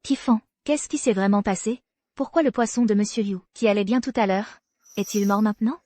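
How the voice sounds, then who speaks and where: A woman's voice: mid-range voice, fairly quick, darkish tone, dry recording, lightly acted. Woman playing a puzzled young daughter. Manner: questioning, earnest. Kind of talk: French dub of a drama.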